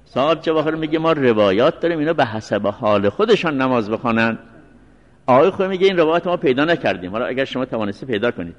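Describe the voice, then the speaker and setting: Male seminary teacher, religious law lecture, repeats citations slowly, recited phrases, long hall reverb. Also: medium pitch, animated, muffled recording.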